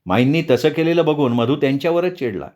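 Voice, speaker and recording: A man narrating a serialized novel aloud in a measured, expressive storytelling reading. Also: on the high side.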